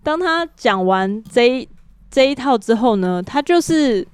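A woman, co-hosting a podcast and telling a story in lively, chatty detail. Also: a little high, clean tone, no echo. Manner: chatty storytelling, quick and animated. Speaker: podcast co-host. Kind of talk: casual chat.

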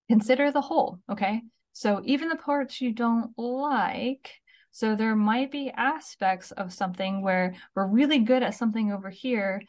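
A woman in her thirties talks through advice on a casual podcast. She is chatty and loose, peppering her points with "like" and quick "okay?" check-ins. Her voice sits at an ordinary middle pitch. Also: darkish tone. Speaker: podcast co-host.

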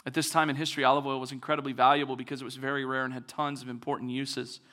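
Bright-voiced man preaching a sermon. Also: mid-range voice, little pitch movement, very fast. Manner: conversational preaching, acts out quoted voices with humor. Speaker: pastor.

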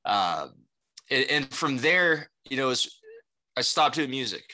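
In a low-quality recording, the young man's mid-range voice comes across sing-song, a little slow and sharp. A native Mandarin Chinese speaker, salesperson and rapper, he rambles casually as an interview guest, often adding "you know" and "right?"

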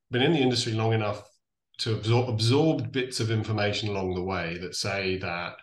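An Irish man from Donegal explaining things in a conversational interview, thoughtful and halting, often restarting and correcting himself. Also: lowish voice, fairly bright tone. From Donegal, Ireland. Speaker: interview guest, distillery founder. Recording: echoey room sound.

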